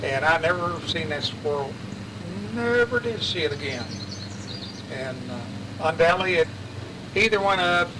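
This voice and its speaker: Speaking at a measured pace in a slightly high, expressive voice, an older West Virginia man with an Appalachian accent tells family stories in a folksy, colloquial, meandering way. It's casual oral-history storytelling from an interviewee, with a distant mic picking up clear traffic noise outside.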